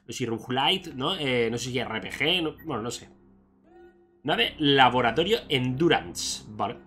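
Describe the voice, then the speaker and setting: Bright-voiced man playing a game. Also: mid-range voice. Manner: thinks aloud, swears when surprised. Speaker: gaming YouTuber. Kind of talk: casual Let's Play commentary.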